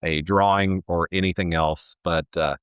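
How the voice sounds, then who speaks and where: Low-voiced man, earnest and halting. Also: fairly even intonation, clear, resonant tone, no room sound, clean studio sound. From Texas. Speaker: home builder, guest. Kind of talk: casual interview answers.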